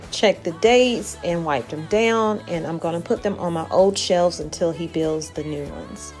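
A woman vlogger casually narrating a tour of her basement renovation while walking with a phone camera. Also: on the low side. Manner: relaxed, chatty, walking with the camera. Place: empty basement rooms of a house. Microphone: phone camera held while walking.

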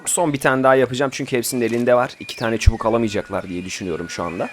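Rapid-fire and fairly even in intonation, a young man's mid-range voice narrates his survival gameplay. He chats casually, commands his group, and has sudden outbursts, all against slight background noise.

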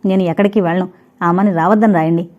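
A woman's voice: fairly low pitch, fairly even intonation, very fast, a little mellow, close to an everyday voice. A woman voicing a young wife who answers her husband with hurt indignation. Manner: wounded, indignant. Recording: dull lo-fi recording.

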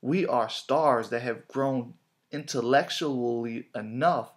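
Guy talking to camera about positive thinking, slangy, kinda repeats himself, normal pitch. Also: takes it slowly. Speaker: vlogger. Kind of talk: motivational talk to camera.

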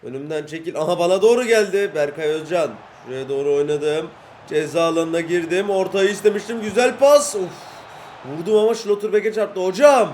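A man commentating live as he plays a football video game, excitable, shouting and grumbling at his teammates. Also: a little high, a little fast, slight background noise. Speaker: gaming YouTuber.

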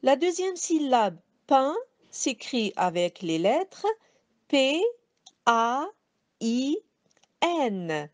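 A woman teaching a remote spelling lesson to young pupils, spelling out words slowly syllable by syllable and letter by letter, addressing them gently. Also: sits high, very animated, no room sound. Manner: slow, careful syllable-by-syllable spelling aloud. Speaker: primary school teacher. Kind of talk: distance-learning spelling lesson.

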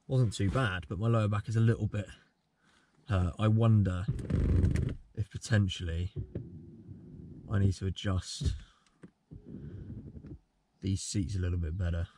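A man's voice: deep voice, fairly even intonation, measured pace, long pauses. A young man chatting casually to camera from inside his car, rambling with many ums and restarts. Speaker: car vlogger. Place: inside a parked and moving car. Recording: distant mic with clear car noise.

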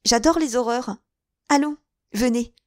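A woman reading an audiobook, voicing a lively, headstrong young woman with an eager, breezy manner. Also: a little high, a little slow, no room sound, clean studio sound, pitched above the performer's own voice. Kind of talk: audiobook dialogue.

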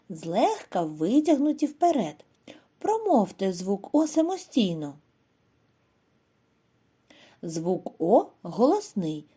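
A Ukrainian woman teacher giving a scripted lesson to young children, in a slow, clear, sing-song way. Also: mid-range voice, dark tone. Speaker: primary school teacher.

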